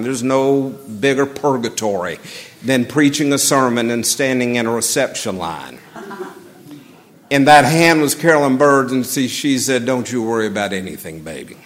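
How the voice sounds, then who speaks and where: A pastor from Atlanta with a Southern accent giving a measured, reflective funeral sermon with gentle humor in a church. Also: male voice, mid-range voice. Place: church sanctuary.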